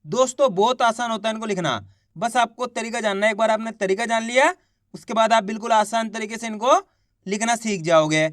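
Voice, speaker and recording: A man's voice: sits high, fairly quick, a bit bright, no echo, clean studio sound. A man teaching an online spelling lesson, repeating each word and quizzing the viewers patiently. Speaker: Hindi teacher.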